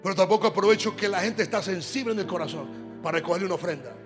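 A man's voice: high voice, rapid-fire. A male preacher giving a fervent sermon, praying aloud, speaking in tongues and repeating phrases for emphasis. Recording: echoey hall with music behind.

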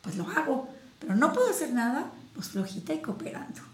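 A woman co-hosting a casual wellness chat, speaking in a calm, reflective way with everyday examples. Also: sits high, a little fast. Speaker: podcast co-host. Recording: echoey room.

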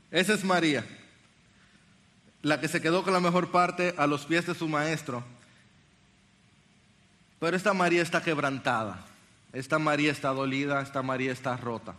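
A man's voice: fairly high pitch, pushed and bright. A man preaching a sermon, reading a Bible passage and putting earnest questions to his congregation.

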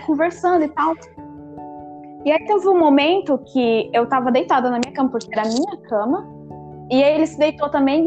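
A young woman with a high voice, talking quickly and animatedly in a casual chat with friends. She keeps acting out what people said, full of fillers. The sound is dull and lo-fi, with faint music in the background. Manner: animated, lots of fillers and quoted dialogue.

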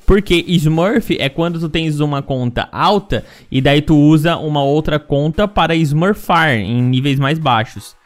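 A man's voice: a little high, a little slow, hardly any pauses. A young man with a Brazilian Portuguese accent co-hosting a casual gaming podcast, talking in a slangy, rambling, teasing way. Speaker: podcast co-host and editor. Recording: music behind the voice. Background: background music.

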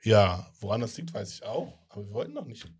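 A man's voice: on the low side, wildly swooping pitch, brisk, darkish tone, breathy edge. A young man co-hosting a podcast in casual chat, blunt and teasing, with slangy talk. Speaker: podcast co-host.

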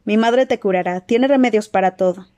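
Ron, una mujer leyendo a chico franco y animado. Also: female voice, medium pitch, fairly quick, darkish tone, natural voice. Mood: eager. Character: teenage wizard boy, blunt and amused. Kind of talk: audiobook character voice.

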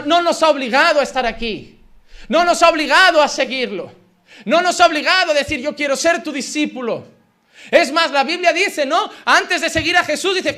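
A man from Spain preaching with a strikingly high voice and a Spanish accent from Spain. His delivery is impassioned and emphatic, hammering home repeated phrases. The tone is bright and forceful. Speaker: pastor. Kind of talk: sermon.

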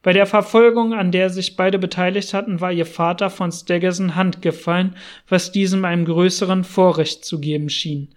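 A man's voice: sits high, steady tone, moderate pace, hardly any pauses, close to an everyday voice. A man voicing a frightened older male settler in an audiobook, speaking urgently and anxiously.

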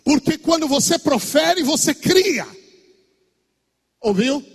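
High-voiced shouting Brazilian preacher, big hall. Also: male voice, lively intonation, takes it slowly. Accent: Brazilian Portuguese. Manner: shouting and sing-song preaching cadence. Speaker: pastor. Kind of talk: sermon. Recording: long hall reverb.

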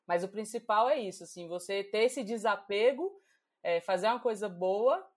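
A woman's voice: mid-range voice, animated, normal speed. Brazilian woman steering a podcast chat. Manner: leads the questions, conversational. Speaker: podcast co-host.

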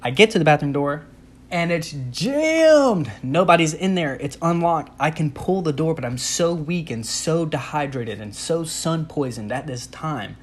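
A young man recounts a funny episode from his own life, acting out how he reacted, with a casual, lively, self-mocking manner. His pitch sits fairly high, his pace is normal, and he rarely pauses.

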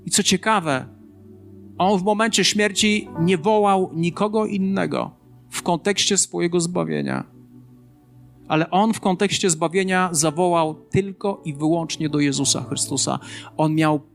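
A man's voice: sits high, steady tone, measured pace, creaky, faint music behind. A man preaching a sermon as a pastor, driving points home with earnest, emphatic repetition.

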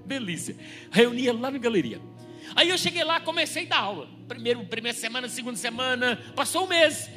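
Male pastor, forties, church sermon, fast and joking, bright high voice, faint music underneath. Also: big pitch swings.

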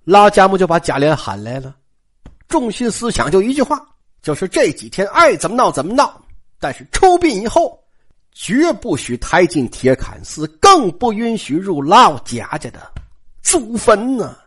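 Colloquial storyteller, very expressive pitch, chatty asides. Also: moderate pace, husky. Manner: animated, colloquial, asides to listeners. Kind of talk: traditional oral storytelling.

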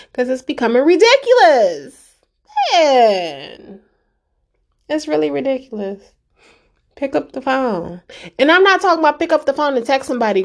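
A woman vlogger giving a casual, emphatic rant straight to her viewers, exasperated and direct. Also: a little high.

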